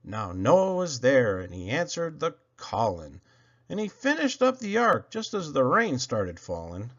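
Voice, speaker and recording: A male reader of children's poetry gives an expressive, unhurried read-aloud of verse, his pitch swinging very lively through animated, theatrical, drawn-out phrasing. The lo-fi recording sounds slightly dull.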